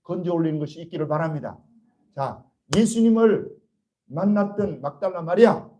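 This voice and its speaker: High-voiced man preaching a sermon. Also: moderate pace, warm tone, muffled recording. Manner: asks the congregation rhetorical questions and answers them himself; earnest, urging and exhorting. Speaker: pastor. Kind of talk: Easter sermon to a congregation.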